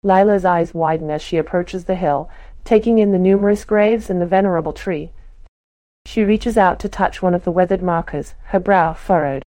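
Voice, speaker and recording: A woman reading her character's part of a role-play story in a soft, measured way. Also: on the low side, no echo. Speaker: player narrating her character.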